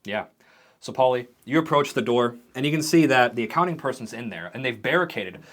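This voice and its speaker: A man acting as game master for a tabletop game narrates scenes vividly and with animation. His voice is medium in pitch and his pace is brisk.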